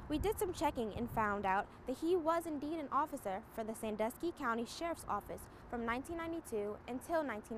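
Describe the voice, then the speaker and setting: A woman delivering a scripted television news report as a reporter. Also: fairly high pitch. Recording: clear background noise, ambience and vehicles.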